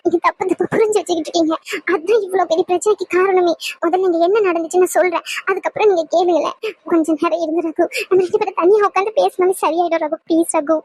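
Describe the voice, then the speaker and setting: Woman voicing a frantic, pleading cartoon wife, very high voice, rapid talk, dry sound. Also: fairly even intonation, a little mellow, no echo. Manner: begging, repeats his name over and over. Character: desperate, pleading young wife. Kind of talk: dubbed cartoon dialogue.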